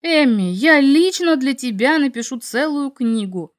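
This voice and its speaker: Brief: a sly, playful young male dragon, teasing and sure of himself, on the high side, read by a woman. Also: expressive, a little slow. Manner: teasing, self-assured. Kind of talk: audiobook character reading.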